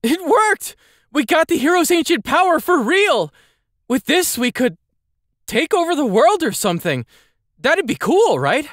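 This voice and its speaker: An eager, boastful young boy in a storybook, as a man puts him on. His voice jumps very high and swings widely, sounding excitable and a bit shrill, recorded dry and close. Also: moderate pace, dry recording, heavily acted. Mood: thrilled. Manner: excitable, shrill when thrilled.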